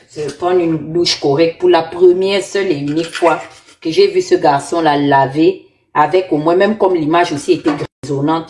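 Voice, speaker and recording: Woman host, low-ish voice, emphatic live commentary. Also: a little mellow, slight background noise. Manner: emphatic, exhorting, speaks in repeated appeals.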